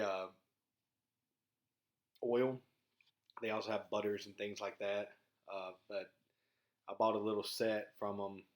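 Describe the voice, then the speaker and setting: Coming from rural Mississippi in the southern United States, this man hosts a vlog and speaks casually to viewers. His Southern-accented voice is on the low side, and his manner is laid-back, halting and homespun.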